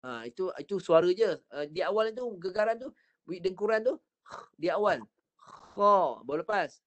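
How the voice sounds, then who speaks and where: A man with a Malaysian Malay accent leads an online Quran reading class over a video call. His voice sits high for a man, and he coaches with patience, stretching out words slowly to demonstrate them. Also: lively intonation. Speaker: Quran recitation teacher.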